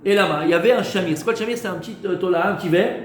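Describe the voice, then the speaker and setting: A rabbi teaching a Torah class to students, posing questions and answering them himself, with hesitant fillers and repeated words. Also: male voice, high-pitched, rapid-fire, roomy sound, a crowd in the background.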